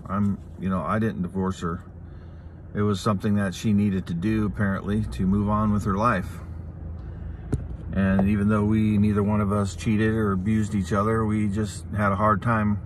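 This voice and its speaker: A middle-aged man talking casually and candidly to a phone in a parked car, confiding and halting, with pauses and repeats. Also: on the low side. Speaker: vlogger, channel host. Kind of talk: casual, candid talk to the camera. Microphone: phone at arm's length. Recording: noisy in-car phone recording.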